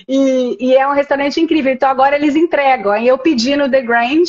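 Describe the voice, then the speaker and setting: A woman from Brazil with a high, bright-topped voice tells classroom stories in a casual video call, animating every scene. The audio is slightly dull and lo-fi. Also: fairly quick. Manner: animated storyteller, acts out scenes. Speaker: host, university professor.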